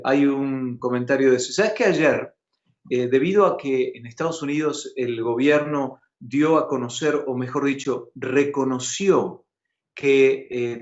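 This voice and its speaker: In muffled broadcast audio with a roomy sound, a man from Argentina hosts a live news conversation. He has a mid-range voice and an Argentine Spanish accent, and he's animated and emphatic, asking his co-host questions.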